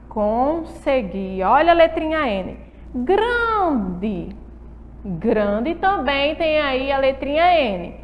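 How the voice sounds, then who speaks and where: A woman's voice: high-pitched, in a large hall, highs cut off. A Brazilian Portuguese-accented woman teaching a recorded lesson to young pupils, drawing out and repeating words in a sing-song way. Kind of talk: recorded school lesson for children.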